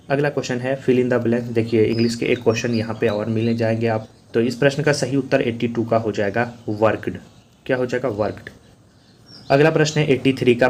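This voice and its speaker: A man's voice: mid-range voice, slight background noise. A man teaching as an exam coach, working through quiz questions and answers in a repetitive, drilling manner. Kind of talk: quiz answer walkthrough lesson.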